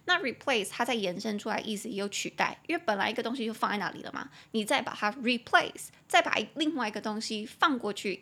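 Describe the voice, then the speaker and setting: A woman in her twenties with a Taiwanese Mandarin accent, hosting a casual podcast English lesson and slowly repeating words as she explains them. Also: on the high side, fairly bright tone. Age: 20s. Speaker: English teacher podcast host.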